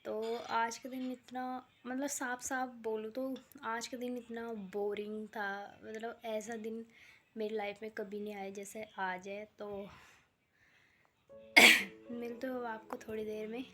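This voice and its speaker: Holding her phone on her home rooftop, a young woman rambles through a casual daily vlog, her throat a bit sore. Her voice is a little high, slow, bright and forceful, with little pitch movement, and she chats on full of fillers.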